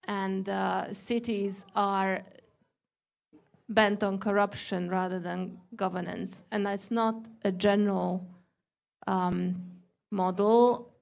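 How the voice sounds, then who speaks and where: A woman from Hungary asking a panel a measured, thoughtful question from the audience. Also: mid-range voice, gravelly, a little mellow.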